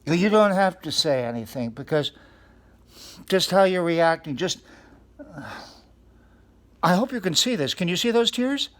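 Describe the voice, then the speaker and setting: A man's voice: high-pitched, expressive, a little slow, long pauses, fairly bright tone. A man hosting a mock-serious comedy talk show in a studio, earnestly questioning food as if it were a guest.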